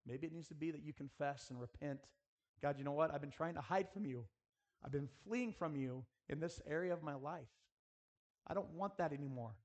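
Here a man with a slightly high, darkish-toned voice talks a little fast. He preaches earnestly, school chapel fashion, exhorting and directly addressing listeners through rhetorical questions and prayer.

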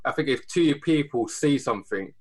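Brief: young podcast host, mid-pitched, rambling and searching for words. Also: male voice, lively intonation, moderate pace, darkish tone, breathy edge, low-quality recording. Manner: rambling, hesitant, many fillers and restarts. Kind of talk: casual chat.

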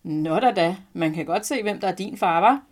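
A woman voicing a jovial older man who loudly teases a child, hearty and teasing. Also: lowish voice, lively intonation.

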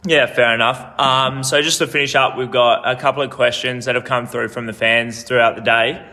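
A man's voice: mid-range voice, steady tone, moderate pace, pushed and bright, in a large hall. A man hosting a casual sports interview. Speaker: host interviewer.

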